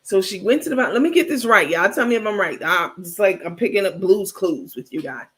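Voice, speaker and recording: A man hosting a live stream, casually gossiping and reacting to his viewers' chat in an animated, blunt, talkative way. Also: sits high, a little fast. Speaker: livestream host.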